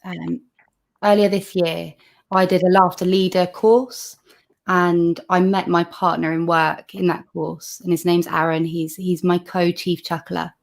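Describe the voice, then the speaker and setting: A woman's voice: on the low side, level tone, measured pace, vocal fry. Bubbly woman leading laughter exercises. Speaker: laughter yoga leader. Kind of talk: casual video call chat. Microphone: video call.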